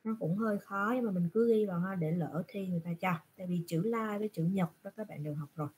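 A woman's voice: mid-range voice, fast talker, darkish tone, slightly rough. A woman teaching Japanese in an online class, patiently asking questions and answering them herself. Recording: screen recording from a browser.

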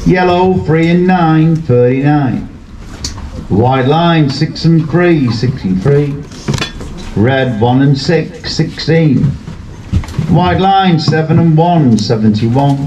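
A man's voice: fairly high pitch, slow, mellow. A man working as a bingo caller, reciting numbers in formulaic, sing-song patter with rhyming nicknames. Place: seaside amusement arcade bingo hall. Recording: dull echoey arcade PA, background noise.

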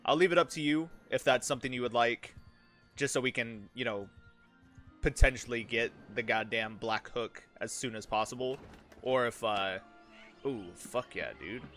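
Guy chatting over his game, sharp bright voice, swears a lot, faint music behind. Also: medium pitch, moderate pace. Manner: sweary, informal, self-deprecating. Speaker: YouTuber, game streamer. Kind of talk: casual gameplay commentary.

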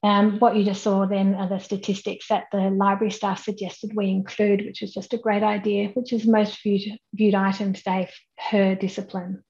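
A woman, giving a measured, explanatory conference keynote over a webcam. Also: medium pitch, little pitch movement, a little mellow, muffled recording. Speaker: keynote speaker. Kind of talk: online conference presentation. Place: indoors at home, plain wall behind. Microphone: webcam at desk, head and shoulders framing.

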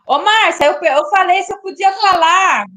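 A woman hosting a casual live stream, exclamatory and quick to laugh, greeting viewers by name. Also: extremely high pitch, sharp tone.

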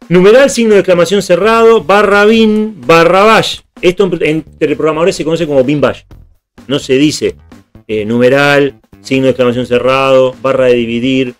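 A man teaching programming step by step in a screen tutorial, often checking that viewers follow. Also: mid-range voice. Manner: patient, step by step, checks in with "¿está bien?".

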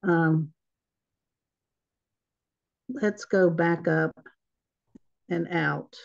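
A woman's voice: on the low side, very slow. A woman giving an informal online presentation, chatty and laughing at her own slip-ups, heard over a video call. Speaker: webinar presenter. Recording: dull lo-fi webinar audio.

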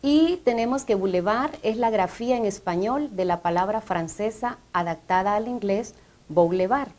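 A woman with a Honduran Spanish accent teaches grammar on a studio TV show. She explains each rule in a measured, patient way, like a language professor. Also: medium pitch, darkish tone. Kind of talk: educational TV talk.

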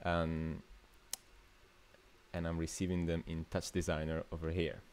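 Here the Italian-accented host, a man in his twenties and new media artist, speaks low and monotone, a little slowly, with a darkish tone and a faint hiss or hum on the recording. He leads a casual livestream masterclass from a small indoor room, chatting with viewers in a hesitant, informal way and often musing aloud.

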